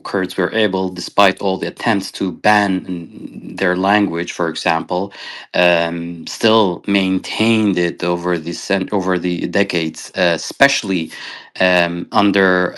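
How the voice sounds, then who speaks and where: A man from northern Syria answers an interviewer's questions with a very deep, low-pitched voice. He talks at length but hesitates constantly, filling gaps with "um" and "uh" and restarting his phrases. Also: fairly bright tone. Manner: hesitant, many fillers and restarts. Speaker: journalist and researcher guest.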